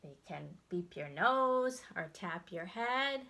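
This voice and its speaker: A middle-aged American woman with a mid-range voice hosts a children's storytime indoors in a plain-walled room. She reads aloud and explains things expressively and deliberately for young listeners.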